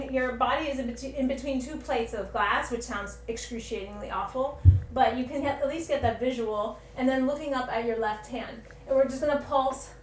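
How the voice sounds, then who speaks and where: High-voiced woman leading a yoga class. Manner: breathless and encouraging while moving. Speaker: yoga instructor. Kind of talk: guided yoga class cues. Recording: roomy echo, faint ambient noise.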